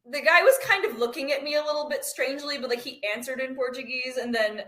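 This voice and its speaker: A woman's voice: high voice, fast, pushed and bright. A woman guest on a podcast, chatting casually with lots of fillers and giggles. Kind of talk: casual chat. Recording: roomy echo.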